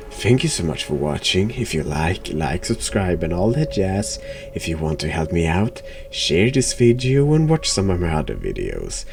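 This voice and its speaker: A streamer and horror game reviewer gives casual game commentary in a very deep, creaky, slightly mellow voice. He has a cold and speaks slowly and haltingly, hesitating and repeating words.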